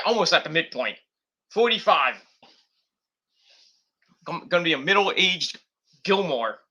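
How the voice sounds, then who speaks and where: Sitting at a home desktop computer, a man in his forties chats in a loose, rambling vlog style. He fills his talk with fillers and keeps fixing his sentences partway through, his fairly high voice sounding bright and strained.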